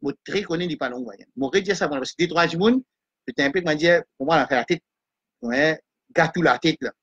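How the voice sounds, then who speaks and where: A woman teaching Quran reading in a live class. She explains the letters step by step and chants verses slowly. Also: low voice, breathy edge, highs cut off.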